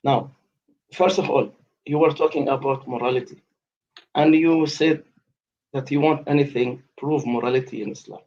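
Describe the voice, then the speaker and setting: A man in his fifties from the West Bank, Palestine, joins a live debate aftershow through an online call, his medium-pitched voice steady and darkish at a moderate pace with frequent pauses. The audio is muffled with slight background noise, and he speaks insistently and formally, repeating points in the heated exchange.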